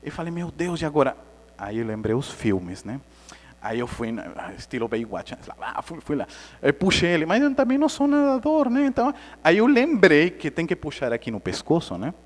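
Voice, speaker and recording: A man giving a Spiritist lecture as a lively story, acting out scenes with sound effects. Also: a little high, moderate pace. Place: lecture hall. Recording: long hall reverb.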